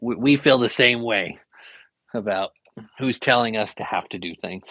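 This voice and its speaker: His voice fairly low, pushed and bright, a young adult art teacher who also streams variety content chats at normal speed while drawing live at home. He rambles easily, using lots of fillers, and the sound has no echo.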